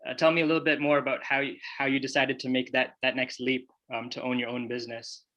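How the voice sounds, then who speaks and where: A man hosts a casual interview podcast, his medium-pitched voice quick and sharp with little pitch movement, and the recording sounds muffled. He's friendly but trips over his questions, filling them with fillers and restarting often.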